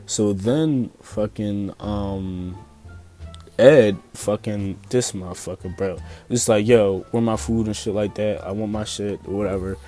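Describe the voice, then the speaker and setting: A young man with a Philadelphia accent spins a casual storytime, his voice mellow and a little low. He talks loose and profane, full of slang, fillers and restarts. Faint music sits underneath. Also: fairly even intonation, measured pace. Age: young adult. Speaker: storyteller vlogger.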